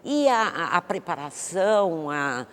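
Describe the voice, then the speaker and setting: A woman guest expert in an interview, answering thoughtfully with many pauses and restarts. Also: fairly low pitch, sing-song. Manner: hesitant, many fillers and restarts. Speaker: economist guest. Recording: long hall reverb with faint noise.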